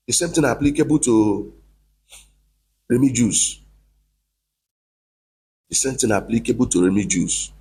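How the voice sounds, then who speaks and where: A man's voice: medium pitch, a little mellow, a little hiss or hum, low-quality recording. A man delivering a heated, accusing monologue to camera, repeating himself for emphasis. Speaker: online commentator.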